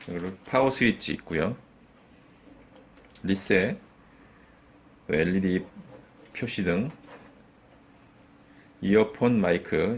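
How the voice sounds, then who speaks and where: A man with a low voice runs a computer shop and casually walks through a PC case build, using plain, informal talk and fillers. There's a little hiss or hum on the recording, and it plays as a casual hands-on product walkthrough.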